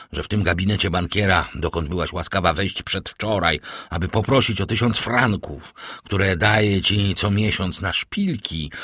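A man's voice: lowish voice, a bit bright, slightly rough, dry recording, clean studio sound, heavily acted. A man voicing a cold, scheming middle-aged banker who lectures his daughter with sarcastic irony. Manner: stern, ironic, lecturing. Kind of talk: audiobook character voicing.

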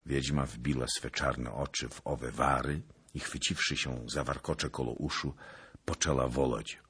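A man narrating a classic novel in a dramatic, measured reading. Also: extremely low pitch, steady tone, fairly bright tone, slightly rough. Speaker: audiobook narrator.

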